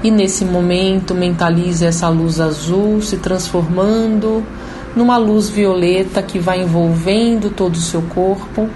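A woman with a Brazilian accent leading a guided meditation in a soothing, unhurried manner with long pauses. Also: lowish voice, fairly even intonation, over music, low-quality recording. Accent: Brazilian Portuguese. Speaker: program host and holistic therapist.

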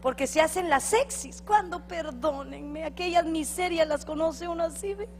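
A middle-aged Honduran woman preaches in a high voice that carries through a long hall reverb, with a faint hum underneath. She acts out the voices she quotes and climbs to loud, emphatic peaks. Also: moderate pace. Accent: Honduran Spanish. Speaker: pastor. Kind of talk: sermon. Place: church hall.

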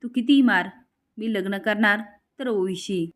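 A woman's voice: mid-range voice, a little slow, close to an everyday voice. Woman doing upset young guy arguing w his mom, pleading. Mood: indignant. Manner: pleading, indignant. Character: angry young man defying his mother.

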